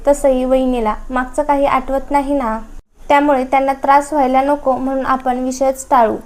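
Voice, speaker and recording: Gentle caring aunt, read by a woman. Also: high voice, flat delivery, moderate pace, lightly acted. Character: caring middle-aged woman at sickbed.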